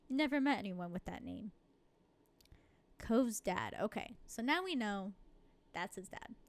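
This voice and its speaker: A woman streamer plays a story-driven video game, reading the narration aloud and tossing in casual, giggly asides. Her voice is medium in pitch with a darkish tone.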